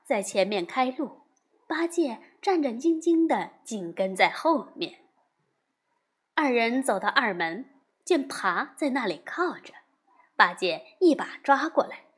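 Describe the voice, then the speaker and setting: A woman narrating a classic storybook tale in an expressive, measured way. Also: a little high, husky.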